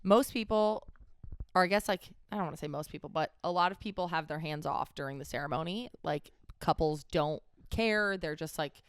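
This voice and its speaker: A woman with a low voice talks casually, like a co-host among friends. She is halting, often searching for the right word and rephrasing herself. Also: smooth, dry recording. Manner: halting, searching for words, self-correcting. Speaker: podcast or vlog co-host. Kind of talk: casual chat about their own wedding.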